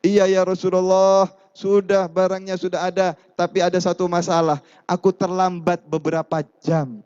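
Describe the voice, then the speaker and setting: A man preacher voicing a frightened young slave girl who pleads fearfully in a raised pitch, on a dull lo-fi recording. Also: level tone, moderate pace, darkish tone, smooth, no room sound, close to an everyday voice.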